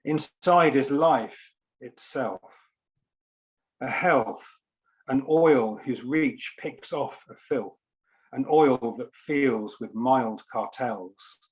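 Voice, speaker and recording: On a video call during an online book launch, a poet and co-author gives an informal explanation and reads poetry. His mid-pitched voice moves slowly, measured and deliberate, in short phrases with frequent pauses. The audio quality is poor.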